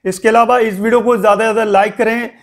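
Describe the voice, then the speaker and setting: A man's voice: sits high, fairly even intonation, racing. A young man hosting a casual spoken news update, warning his viewers and scolding them with repeated pleas. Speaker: news channel host.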